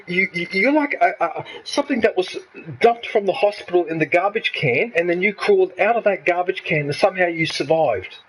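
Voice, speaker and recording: A man's voice: sits high, a bit bright, slight background noise, poor audio. A man in his fifties from Australia, ranting angrily and swearing heavily in a casual chat. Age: 50s. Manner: heated, swearing, repetitive ranting. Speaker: streamer.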